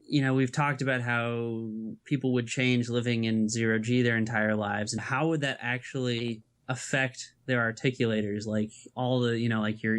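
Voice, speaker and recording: A man in casual conversation, musing aloud in a halting way with many fillers. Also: medium pitch, clean tone. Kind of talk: casual chat.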